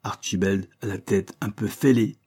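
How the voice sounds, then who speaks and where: A man reading an audiobook, voicing an irascible, sarcastic older spinster who scolds in loud outbursts. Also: lowish voice, fairly even intonation, moderate pace, slightly rough. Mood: angry. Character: irascible sharp-tongued older spinster woman.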